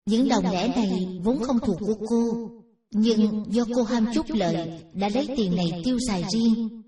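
Mellow-voiced woman reading a dharma story. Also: mid-range voice, normal speed. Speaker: narrator of a Buddhist teaching story. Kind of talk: read Buddhist dharma story. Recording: roomy echo, distant from mic.

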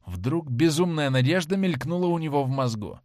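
A man giving a dramatic, expressive scripted narration of a novel into a close mic. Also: a little high, moderate pace, dry recording. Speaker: audiobook narrator.

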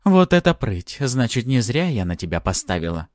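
A man's voice: medium pitch, very animated, moderate pace, darkish tone, no room sound, studio quality, voice pushed up, natural voice. A man voicing a cruel, playful female succubus demon in an audiobook, taunting and sneering. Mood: mocking. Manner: taunting, sing-song sneer. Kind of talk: audiobook character voice.

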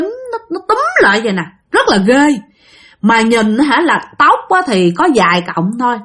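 A woman narrating a ghost story dramatically, speaking straight to her listeners. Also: fairly high pitch. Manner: dramatic, addresses listeners directly.

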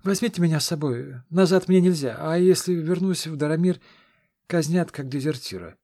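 A man voicing a young, sly red-haired runaway who talks in a high, eager, imploring way. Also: moderate pace, dark tone, no echo, studio quality. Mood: pleading.

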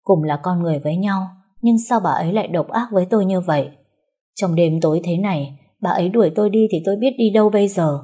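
A young woman tells a first-person story in slow, sorrowful narration. Her voice sits low and carries a husky, breathy texture. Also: dark tone.

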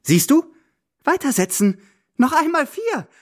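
A man's voice: fairly high pitch, sing-song, a little slow, voice pushed up. Man doing a bossy old grandmother gambler. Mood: bossy, impatient. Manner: bossy, hissing, scolding.

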